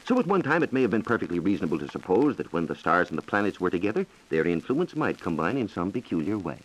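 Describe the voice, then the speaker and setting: This 1940s radio science reporter, a man, explains science from a script in reply to listeners' questions. He has a low pitch that swings widely and a quick tempo. Formal, precise and authoritative, he comes through on a low-quality vintage broadcast recording.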